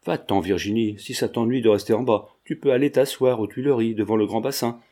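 A man reading the part of a sly old man who pretends to be deaf and talks in a lowered, scheming way. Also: brisk, warm tone, natural voice. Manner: lowered, conspiratorial speech.

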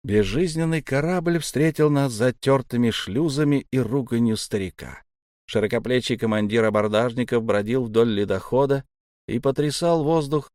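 A man's voice: mid-range voice, a little mellow, no room sound. Male audiobook narrator, dry sound. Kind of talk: scripted narration.

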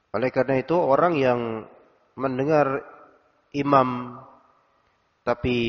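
A man giving a religious study lecture, explaining verses phrase by phrase casual colloquial asides. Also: medium pitch. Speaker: Islamic teacher. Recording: dull recording in a reverberant hall.

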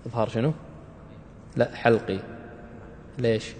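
A man's voice: medium pitch, moderate pace, darkish tone, roomy sound, big-room sound, slight background noise. A man teaching Quran recitation rules, quizzing his students with short questions and praising their answers.

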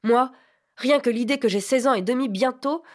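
A woman's voice: a little high, normal speed, darkish tone, voice pushed up, close to an everyday voice. A woman reading an audiobook, voicing a brooding, impatient teenage boy in passionate, declamatory outbursts. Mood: impassioned, exasperated.

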